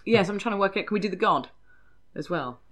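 A woman's voice: medium pitch, animated, fast talker, a bit bright. A woman co-hosting a podcast in casual chat, teasing playfully and giggling. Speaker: podcast co-host.

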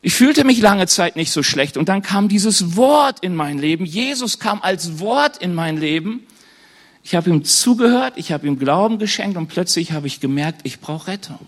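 A man's voice: sits high, animated, moderate pace. A man preaching a sermon to a live congregation in a conversational way, often turning to the listeners with questions and slipping in light humorous asides.

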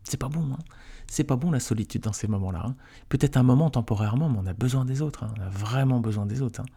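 A man's voice: medium pitch, fast talker, gravelly, breathy edge. A man leading a conversational Bible study, reading scripture aloud and explaining it informally to listeners he calls friends. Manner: reads scripture aloud, then explains it informally with frequent tag questions; addresses listeners warmly as friends. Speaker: Bible teacher.

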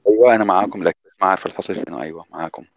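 A man's voice: low-pitched, vocal fry, no room sound. A man speaking as a panel guest, his voice cutting out over a bad call connection. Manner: rapid, with many repeated restarts. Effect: voice breaking up over a bad call connection. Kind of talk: online panel discussion. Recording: dull, lo-fi call audio with dry sound.

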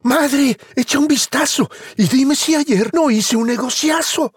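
A man voicing a boastful, cheeky peasant boy in a storybook, high and eager. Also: unhurried, no echo, studio quality. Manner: eager, pleading.

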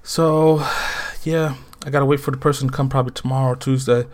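A man's voice: mid-range voice, fairly even intonation, quick pace, darkish tone. A man co-hosting a podcast in casual chat, telling stories animatedly, acting out his own reactions and swearing freely. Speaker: podcast co-host.

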